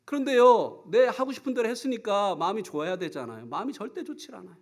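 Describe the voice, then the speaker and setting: A man preaching a sermon, telling stories with lively acted-out scenes, sudden shouts and frequent questions to the congregation. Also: sits high, quick pace. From South Korea. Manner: animated storytelling, acts out scenes and shouts; asks the congregation for replies often.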